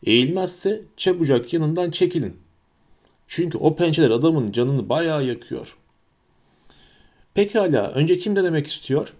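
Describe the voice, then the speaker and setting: A man voicing a huge, cheerful and kindly male gamekeeper with a booming, hearty way of talking. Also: lively intonation, unhurried, pauses often, a little mellow.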